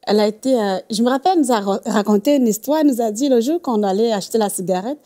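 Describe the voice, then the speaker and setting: A woman's voice: fairly high pitch, very fast, mellow. A woman guest on a faith talk show, telling a story earnestly and laughing often.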